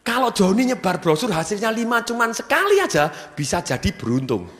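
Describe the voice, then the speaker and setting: A man's voice: high voice, a little fast. A man giving a motivational business seminar to a live audience, energetically firing questions for them to finish. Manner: energetic, keeps asking the audience fill-in questions. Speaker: seminar speaker. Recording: long hall reverb from a venue PA.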